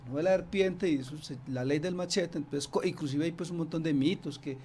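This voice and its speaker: This Antioquian man, guesting on a radio show as a snake expert, talks informally with frequent restarts and fillers from the studio. His pitch runs on the high side, his pace is fairly quick, and his tone is a bit mellow over a slight hiss or hum.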